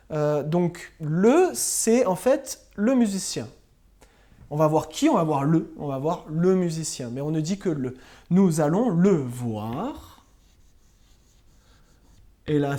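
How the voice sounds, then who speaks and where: A woman teacher giving a slow, patient spelling and grammar lesson to young pupils, spelling words out letter by letter. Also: sits low, warm tone. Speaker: primary school teacher.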